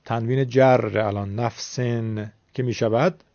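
A man's voice: medium pitch, fairly even intonation, a little mellow, no echo. A man teaching a recitation lesson, explaining the rules patiently and repeating words so learners can follow. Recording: dull lo-fi sound.

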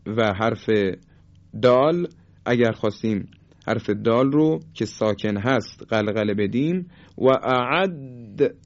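A man teaching the rules of Quran recitation, stretching out example syllables slowly and emphatically to demonstrate each sound. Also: lowish voice, a little mellow. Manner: slow, drawn-out demonstration of letter sounds. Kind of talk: tajweed lesson. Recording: muffled lo-fi recording.

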